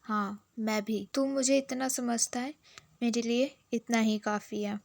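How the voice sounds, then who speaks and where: A woman's voice: a little high, steady tone, a little slow, vocal fry, no room sound, clean studio sound. A woman voicing a shy young man who fusses and teases, in a recapped romance series.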